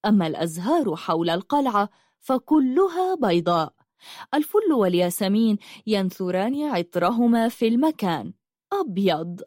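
A woman narrating a storybook in an expressive, descriptive way. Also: mid-range voice, no echo, studio quality.

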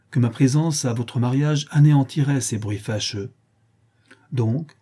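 A man's voice: mid-range voice, mellow, slightly rough. A man reading an audiobook and voicing a haughty older aristocratic countess who scolds and commands. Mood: cold, lecturing.

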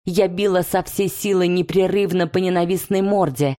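A woman's voice: on the low side, steady tone, moderate pace, warm tone. A woman narrating a first-person fantasy audiobook with intense, dramatic delivery.

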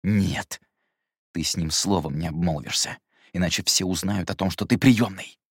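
A brusque, menacing young man, as a male audiobook reader puts him on, speaks low and clipped with a very deep voice. Every jab comes out as a hushed warning. The recording is dry and close. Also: moderate pace, slightly rough, no echo. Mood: threatening, urgent.

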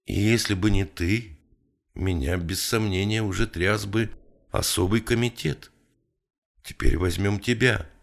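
A man's voice: on the low side, a little slow, gravelly. A man reading an audiobook, voicing a gloomy middle-aged male writer who argues earnestly and pleads with his friend. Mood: pleading.

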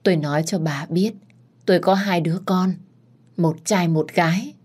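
A woman's voice: lowish voice, moderate pace, darkish tone, breathy edge. A woman voicing a confused older woman who babbles and laughs wildly. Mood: deranged. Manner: babbling, cackling.

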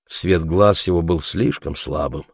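A man narrating an audiobook in a measured, reflective way. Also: low-pitched, gravelly, breathy edge, no echo, clean studio sound.

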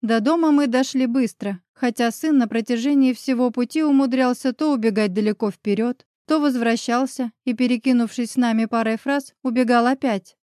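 A woman reads a first-person novel as an audiobook, calm and even in her storytelling. Her voice sits fairly high. The recording is dry and close, with no room sound. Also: normal speed, few pauses, no echo. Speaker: audiobook narrator.

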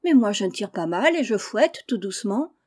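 A woman reading aloud voices a lively, cheeky young boy who drives a cart and shouts at the horse. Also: mid-range voice, normal speed, husky. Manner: cheeky, boisterous. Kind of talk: audiobook character reading.

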